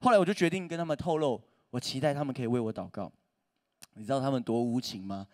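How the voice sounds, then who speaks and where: A man's voice: medium pitch, quick pace. A man, preaching a humorous sermon as a pastor, telling stories with self-mocking jokes. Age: 30s. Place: church stage.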